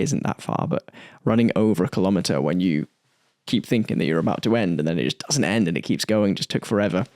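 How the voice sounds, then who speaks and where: Earnest man, low dry voice. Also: darkish tone, no echo. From United Kingdom. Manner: earnest, candid, with emphatic pauses and occasional swearing. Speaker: podcast host. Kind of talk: reflective solo podcast monologue.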